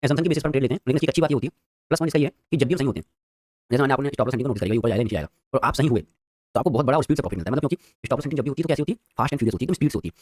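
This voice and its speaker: A man teaching a live trading lesson, quizzing his viewers and talking very quickly. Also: medium pitch, animated, a little mellow, no room sound, studio quality.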